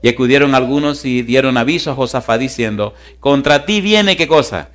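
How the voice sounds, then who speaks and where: Animated male pastor preaching. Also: medium pitch, brisk. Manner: animated preaching, shifts from loud calls to hushed storytelling. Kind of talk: sermon.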